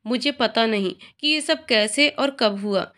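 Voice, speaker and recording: A woman voicing an intense young man who speaks in forceful, emotional outbursts in a read-aloud story. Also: fairly high pitch, measured pace. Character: intense young man, possessive then tender.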